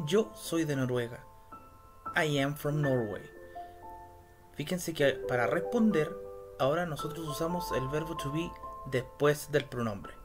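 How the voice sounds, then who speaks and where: A male teacher speaks in a voice-over for a slide lesson, patient and methodical, checking in with his students after each point. He slows right down to spell out each English phrase. Loud music plays underneath him the whole time. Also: fairly high pitch. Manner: patient, explains step by step, checks in with "¿ya?" and "¿cierto?"; reads English phrases slowly and carefully.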